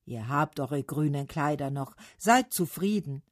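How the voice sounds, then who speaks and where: A gruff male spirit of autumn, put on by a woman reading a storybook, grumbles his lines at an unhurried crawl. His voice sits low and rises and falls with feeling. It sounds close and dry, with no room around it. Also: expressive, no room sound. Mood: grumbling. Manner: slow, grumbling.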